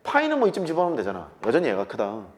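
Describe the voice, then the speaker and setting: Man in his 30s, brash classroom math teacher, swings his pitch widely, needles students with casual swearing. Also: huge pitch swings, racing. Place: classroom with chalkboard.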